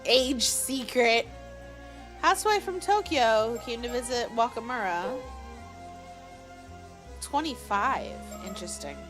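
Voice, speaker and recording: A woman streamer commenting playfully on a game, animated and playful. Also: fairly high pitch, slow pace, long pauses, over music.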